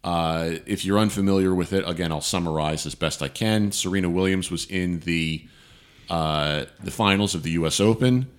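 A man's voice: deep voice, normal speed. A man in his thirties co-hosting a casual chat show, talking emphatically with many fillers and restarts. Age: 30s. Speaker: podcast co-host.

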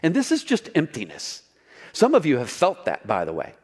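A man's voice: on the high side, wildly swooping pitch, normal speed, a little mellow, husky. A man preaching a sermon in a conversational way, with asides to the congregation and rhetorical questions. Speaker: pastor.

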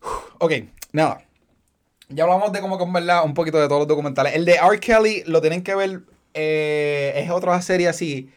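A man's voice: fairly high pitch, a little fast. A young man with a Puerto Rican accent, hosting a casual podcast and telling stories with lots of swearing and laughter. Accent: Puerto Rican Spanish. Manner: animated, profane, laughing storyteller. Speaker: podcast host.

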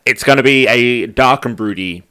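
A man's voice: medium pitch, normal speed, a crowd in the background. A man speaking informally as a game master, casually explaining the tabletop game to his players.

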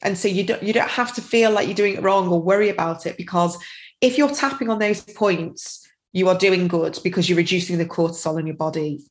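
A woman's voice: fairly low pitch, a little fast, rough recording. A middle-aged woman speaking as a podcast guest, chatty and rambling, with many "you know"s. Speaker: guest, tapping practitioner and parent. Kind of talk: casual podcast interview.

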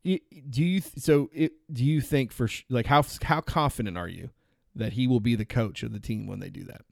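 A man's voice: medium pitch, brisk, creaky, no room sound, clean studio sound. A man hosting a podcast, talking naturally and informally without a script, with a joking manner. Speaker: podcast host. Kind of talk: natural unscripted talk.

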